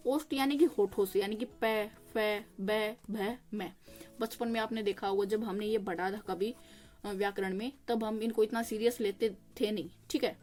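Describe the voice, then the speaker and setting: In a voice on the high side with a darkish tone, a young woman patiently works through exam-prep grammar. She asks and answers her own questions and draws out every consonant slowly.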